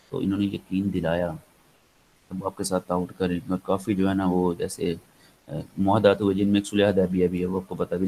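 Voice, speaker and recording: A man's voice: deep voice, gravelly, dark tone, a little hiss or hum, low-quality recording. A man with a Pakistani accent giving an online lecture, rambling with many fillers and slipping into English. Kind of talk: online lecture, casual explaining.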